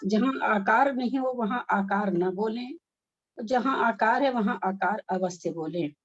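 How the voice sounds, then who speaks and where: A woman's voice: medium pitch, measured pace. A woman teaching a class on a video call, coaching the group through careful, syllable-by-syllable recitation. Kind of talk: online recitation lesson. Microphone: phone on a video call. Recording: dull lo-fi video call audio.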